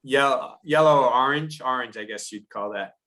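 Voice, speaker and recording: A man training ushers in a casual question-and-answer session, talking haltingly with many fillers. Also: mid-range voice, pushed and bright. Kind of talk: casual Q&A on a video call.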